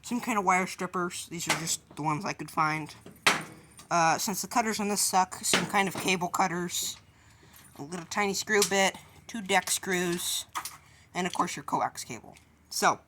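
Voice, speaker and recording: A woman with a low-leaning, fairly bright voice hosts a how-to video, informally and a bit tentatively explaining every step. A faint hiss or hum sits under the recording.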